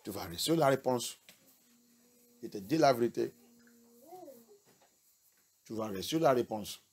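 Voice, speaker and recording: Male pastor, emphatic sermon, big jumps between loud peaks and quiet lows, repetitive phrasing. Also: animated, measured pace, husky. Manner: emphatic preaching with sharp rises and hushed drops; repeats words and restarts phrases.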